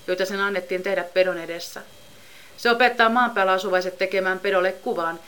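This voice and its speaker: A woman giving a measured, solemn scripted Bible reading. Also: medium pitch, a bit bright. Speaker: scripture reader.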